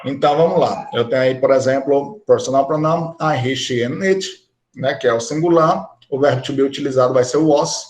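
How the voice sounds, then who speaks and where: Speaking briskly in a medium-pitched, slightly mellow voice, a Brazilian Portuguese-accented man teaches English grammar in a recorded online lesson. He takes the rules one step at a time, frequently checks in with his class, and the audio carries reverb.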